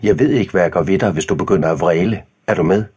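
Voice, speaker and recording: A man's voice: deep voice, darkish tone, slightly rough. A male narrator voicing a harsh, drunk mother in an audiobook. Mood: threatening. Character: harsh drunk mother, threatening then cooing.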